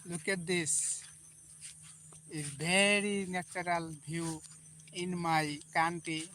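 Slow, halting Bangladeshi man outdoors. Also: a little high, steady tone, pushed and bright, a little hiss or hum. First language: Bengali. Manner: slow and halting, repeats short phrases. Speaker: video host. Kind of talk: casual chat with viewers, broken English. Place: outdoors in the countryside.

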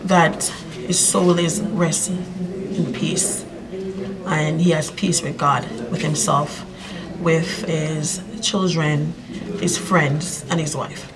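Measured woman from Jamaica, distant. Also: low voice, steady tone. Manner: brief, measured answers. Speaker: daughter of the deceased. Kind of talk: casual interview. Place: indoors, church building. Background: loud crowd chatter.

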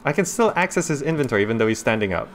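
Malaysian-accented man hosting a game playthrough, chatty and laughing, mid-pitch voice, game music faint underneath. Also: sing-song, very fast. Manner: chatty, laughs often, reads game text aloud. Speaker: gaming channel host. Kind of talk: let's play commentary.

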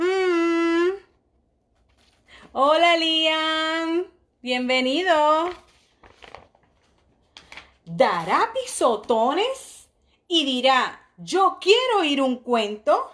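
A woman teacher reads a picture book aloud to small children at a slow, unhurried pace. Her voice sits a little high, and she fills it with exclamations and questions to her young listeners. She speaks softer and more quietly as the story reaches bedtime. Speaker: preschool teacher reading to children.

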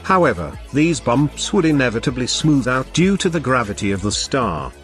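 A man's voice: medium pitch, sing-song, moderate pace, soft background music. A man reading a prepared science explainer in a plain, informal way, as the narrator of his video channel.

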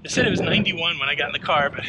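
Talking very fast in a slightly high voice, a middle-aged vlogger walks through a rainy, windy park, chatting with his audience, asking them things, and teasing himself. The sound comes from a body camera full of wind and outdoor noise.

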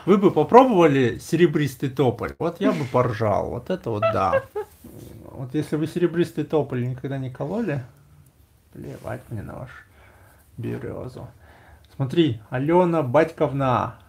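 A man's voice: mid-range voice, very animated, moderate pace, gravelly, darkish tone, slightly rough. A man in his thirties chatting casually as a vlog host, in an informal, slangy, joking way. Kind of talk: casual chat. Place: small indoor room packed with gear.

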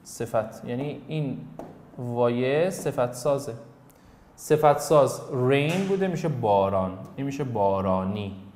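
A man's voice: medium pitch, expressive, a little mellow. Guy teaching a class, calls on kids by name and nudges them along, sounds kinda roomy. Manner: coaxing, quizzing students by name. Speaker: English teacher. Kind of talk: classroom English lesson in Persian. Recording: roomy echo.

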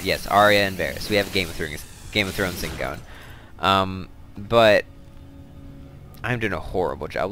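Game host, male, lowish voice with a bright forceful edge, rambling casual commentary, faint hiss behind. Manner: chatty, thinking aloud, wandering asides. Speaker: let's play host.

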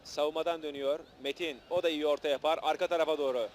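Over the noise of an old outdoor stadium broadcast, a man calls a televised football match live in short, clipped play-by-play bursts. His voice is a little high, his tone steady, and his pace quick.

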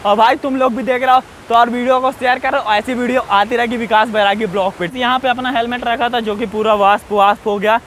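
Walking across a rocky hillside, a travel vlogger with a strikingly high voice chats loosely and straight to his viewers, repeating warnings about danger again and again. His tone is fairly bright and his intonation fairly even, while a faint rushing waterfall hisses behind him on a rough recording.

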